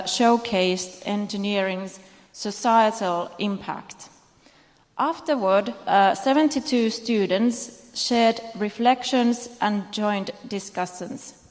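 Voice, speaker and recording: A woman giving a short poster pitch at a conference, speaking in a measured way with careful pauses. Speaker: conference presenter. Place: conference hall. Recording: echoey lecture hall.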